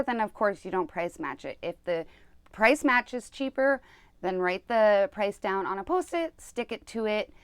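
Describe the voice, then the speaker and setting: A woman's voice: medium pitch, a bit bright, no room sound. A woman vlogger giving casual, conversational how-to tips. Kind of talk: casual how-to vlog chat. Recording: clear background noise.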